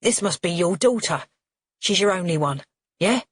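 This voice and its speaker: A woman's voice: fairly low pitch, expressive, moderate pace, breathy edge, no echo, clean studio sound. A woman voicing a crude, menacing middle-aged father who sneers and needles everyone at the table. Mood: taunting.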